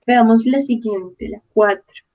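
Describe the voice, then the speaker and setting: A woman leads a Spanish lesson in a fairly high voice, slowly and patiently, pronouncing each word with care. The sound is dull and lo-fi, like a call recording. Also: steady tone, a little mellow. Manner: slow, patient, clearly articulating each word. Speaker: Spanish teacher. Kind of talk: online language lesson.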